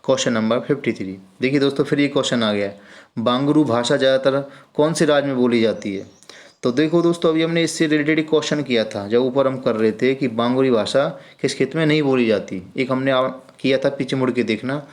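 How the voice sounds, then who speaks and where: A man's voice: medium pitch, fast talker. A man teaching an exam-prep lesson, going through quiz questions step by step and answering his own questions. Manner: explains step by step, often saying "friends"; asks the class questions and answers them himself.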